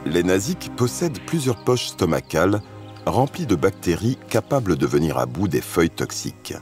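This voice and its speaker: A man's voice: low-pitched, very animated, normal speed, over music. A man presenting and narrating a nature documentary in a scripted style.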